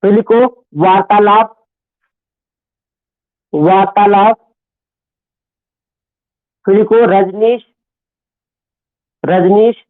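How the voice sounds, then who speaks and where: A man's voice: high voice, fairly even intonation, drawn-out words, pauses often, no echo. A man teaching Hindi grammar, dictating words one by one and repeating each, often checking with his students. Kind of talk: dictation lesson. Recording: tinny phone-like, dry sound.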